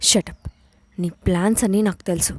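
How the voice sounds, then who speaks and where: A woman voicing a sharp-tongued young college woman who speaks curtly and scornfully in an audio story. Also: mid-range voice, fairly quick, no echo, lightly acted. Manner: curt and scornful.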